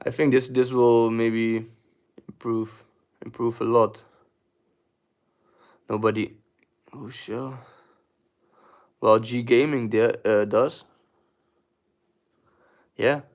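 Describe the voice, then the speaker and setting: A man's voice: mid-range voice, steady tone, takes it slowly, pauses often, a little mellow. A young man casually chatting on his livestream, rambling and repeating himself as he gives advice, with casual swearing. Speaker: livestream host. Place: at home, sitting.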